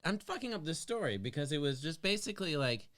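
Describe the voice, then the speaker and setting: A man's voice: a little high, big pitch swings, quick pace, a bit bright. A man co-hosting a casual podcast chat, telling stories animatedly and swearing casually. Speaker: podcast co-host.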